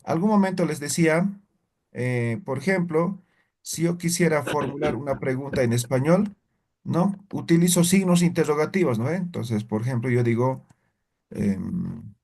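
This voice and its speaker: A man teaching a live language class, his voice sitting a little high. He explains patiently, one step at a time, and keeps checking that the students follow with short questions. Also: normal speed, darkish tone. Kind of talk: classroom lesson.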